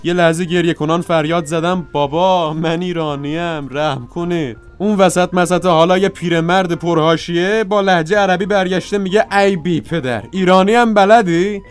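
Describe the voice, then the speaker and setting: An actor plays a hapless, bandaged wounded soldier who moans and complains while recounting his misfortunes in an aggrieved, comic way. His natural male voice sits high and is clear and resonant, with a steady tone, hardly any pauses, and soft music in the background.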